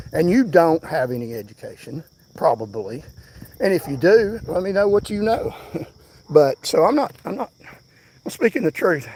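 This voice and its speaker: A man's voice: a little high, a little mellow. A man, out of breath from jogging outdoors, insistently preaching to viewers on a livestream. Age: 60s. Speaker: livestream host. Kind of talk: livestream commentary. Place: outdoors, on foot.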